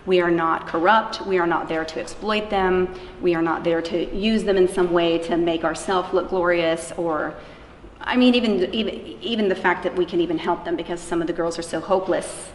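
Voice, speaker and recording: In an echoey room with a little background noise, a woman with a lowish voice speaks steadily at a moderate pace. She's being interviewed as a missionary heading an anti-trafficking group, and her answers about her work are earnest and conversational.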